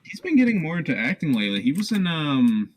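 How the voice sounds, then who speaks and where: A man's voice: fairly high pitch, very animated, fast talker. A man co-hosting a casual podcast chat, joking and incredulous. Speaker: podcast co-host.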